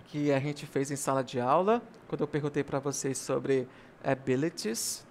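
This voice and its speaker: A male English teacher giving a video lesson over slides, slowing down to stress each English example sentence. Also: medium pitch, slight background noise.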